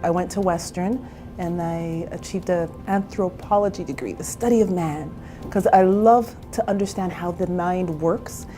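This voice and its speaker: A woman's voice: on the low side, steady tone, moderate pace, over music. A woman in her forties from Canada, a therapist and entrepreneur, telling her own story in a candid, chatty interview. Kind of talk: personal interview.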